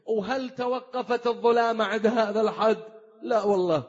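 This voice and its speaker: A man's voice: high voice, moderate pace, breathy edge. A man chanting a mourning sermon in a melodic, lamenting style. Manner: melodic lamenting chant, rising to wailing cries. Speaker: eulogy reciter. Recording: lo-fi hall with long reverb and faint music.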